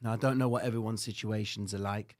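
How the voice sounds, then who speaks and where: Speaking fast in Cypriot English, this livestream trading host reads out viewer comments and addresses his audience head-on. He keeps it casual, swears now and then, and leans on the tag question "all right?" a lot. One moment he's lecturing loudly and animatedly, the next he's muttering under his breath.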